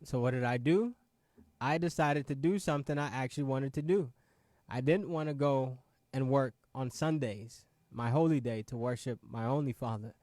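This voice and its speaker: A late-twenties man from Ghana hosts his own show, giving a motivational talk in a darkish, mid-range voice at a moderate pace. He challenges viewers with repeated rhetorical questions and often adds "right?" No echo is audible.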